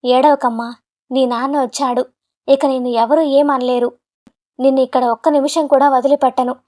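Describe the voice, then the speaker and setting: A grave, protective old father speaks firmly and forcefully, as a woman narrator acts him out. The voice stays high and light for an older man, with a measured storybook gravity. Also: steady tone, natural voice.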